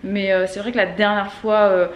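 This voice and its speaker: A woman's voice: mid-range voice, level tone, moderate pace, muffled recording. A woman co-hosting a vlog, chatting casually and explaining things in short conversational bursts. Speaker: vlog co-host. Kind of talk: casual chat. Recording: roomy, echoey indoor sound.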